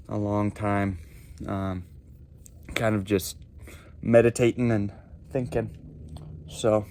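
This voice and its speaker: A young man chatting casually to camera outdoors, halting and pausing as he bears the cold. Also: fairly low pitch, darkish tone. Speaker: vlogger. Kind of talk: casual unscripted vlog chat to camera. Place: outdoors in cold stream under a small bridge. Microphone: handheld phone or camera. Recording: clear outdoor background noise, ambience.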